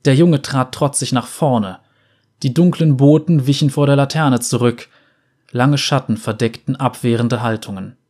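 A male narrator reads a dark fantasy tale. His voice is mid-pitched and measured, with a dramatic storytelling delivery. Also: fairly even intonation.

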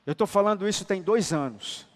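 Impassioned preacher in a reverberant hall. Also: male voice, high voice, a little fast. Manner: emphatic, swings from loud shouts to hushed tender lines; colloquial, addresses listeners as brother. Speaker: apostle preaching. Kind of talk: sermon.

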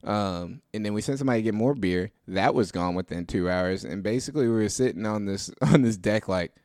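A man's voice: on the low side, brisk, a little mellow, dry recording, clean studio sound. A young man with a slight lisp hosting a casual chat with friends in his small apartment, rambling and laughing often. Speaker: podcast host. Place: small apartment dining room.

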